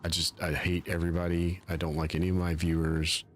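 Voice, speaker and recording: A man's voice: deep voice, completely flat delivery, fairly quick, slight background noise. A man streaming a game live, rambling in a self-mocking way and chatting with his viewers. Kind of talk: casual live-stream commentary.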